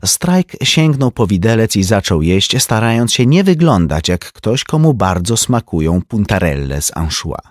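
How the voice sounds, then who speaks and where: A man narrating an audiobook, his pitch rising and falling freely as he tells the story. The delivery is expressive and measured. The recording is dry and close. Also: no room sound. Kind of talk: scripted narration.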